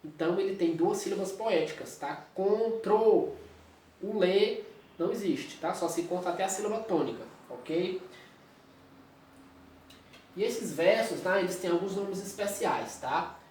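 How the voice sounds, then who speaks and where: A man's voice: high voice, normal speed, darkish tone, slight background noise. Brazilian male teacher explaining a lesson, constant check-ins, distant mic in a very echoey room. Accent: Brazilian Portuguese. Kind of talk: recorded classroom lecture.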